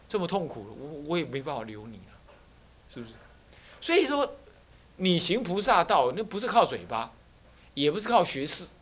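A man's voice: a little high, fairly bright tone, a little hiss or hum. A man with a Taiwanese Mandarin accent, a Buddhist abbot giving a sermon lecture to a class, telling stories and asking rhetorical questions. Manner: storytelling, asks many rhetorical questions. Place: teaching room with students.

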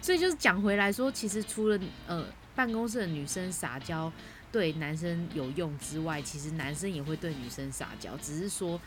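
A woman co-hosting a podcast in casual chat, telling stories with emphatic, animated delivery. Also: low-pitched, moderate pace. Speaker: podcast co-host. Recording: music playing underneath.

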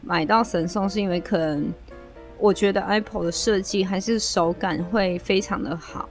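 A woman's voice: medium pitch, steady tone, moderate pace, faint music behind. A woman with a Taiwanese accent co-hosting a casual podcast conversation. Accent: Taiwanese Mandarin. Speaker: podcast co-host. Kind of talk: casual chat.

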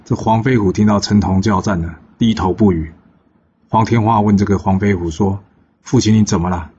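A man telling a classic tale in a casual, chatty way, with frequent filler pauses, on a dull lo-fi recording. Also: lowish voice, dark tone, slightly rough. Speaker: storyteller. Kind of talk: casual oral storytelling.

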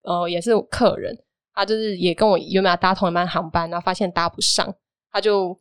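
A woman tells a story at a brisk clip, animated as she replays what everyone said. Her voice sits in a middle pitch and the recording is close and dry, with no room sound. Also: clear, resonant tone, no echo. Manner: lively storytelling, animated retelling of dialogue. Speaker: guest telling a personal story. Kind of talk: casual podcast chat.

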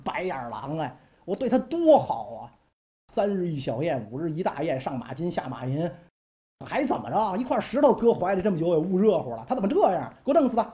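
Blustering, hot-tempered king, as a male storyteller puts him on, excitable, with big pitch leaps. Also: a little fast. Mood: angry.

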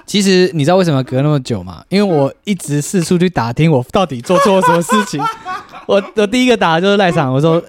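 A man's voice: a little high, expressive, quick pace, a little hiss or hum. A man hosting a casual podcast, telling stories animatedly and laughing often. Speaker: podcast host.

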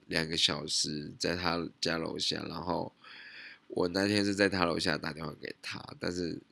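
A man's voice: sits low, vocal fry, fairly bright tone, dry recording. A man with a Taiwanese Mandarin accent hosting a podcast, telling a personal story in a hesitant way with many restarts. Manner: hesitant, lots of restarts and self-questioning. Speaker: podcast host. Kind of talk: casual solo storytelling.

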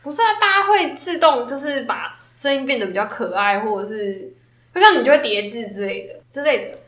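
A woman's voice: fairly high pitch, animated, brisk, fairly bright tone, reverberant. A woman, co-hosting a casual chat in a teasing, laughing manner. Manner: teasing, laughs easily, sums up topics. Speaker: podcast co-host.

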